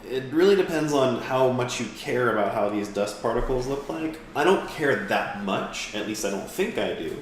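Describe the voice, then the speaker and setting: A man's voice: medium pitch, heavy reverb, a little hiss or hum, rough recording. A man teaching a live class on a video call, explaining steps loosely with fillers and restarts. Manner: relaxed, rambling, with fillers and restarts. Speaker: instructor. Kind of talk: live class software tutorial.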